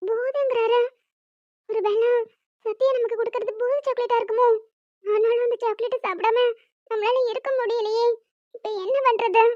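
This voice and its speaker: A woman voicing a naive, timid young female college student in an animated story, talking in a hesitant, stammering, pleading way. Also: very high voice, dry recording, highs cut off. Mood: puzzled.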